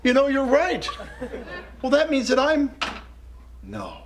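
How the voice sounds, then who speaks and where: An actor playing a flippant, opportunistic brother in a TV sitcom, glib and deadpan in manner. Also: male voice, very high voice, takes it slowly, crowd noise, full character voice. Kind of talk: sitcom acting. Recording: sitcom soundtrack with studio audience.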